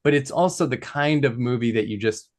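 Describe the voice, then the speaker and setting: A man's voice: mid-range voice, fairly quick. A man on a podcast panel giving blunt opinions and cursing casually.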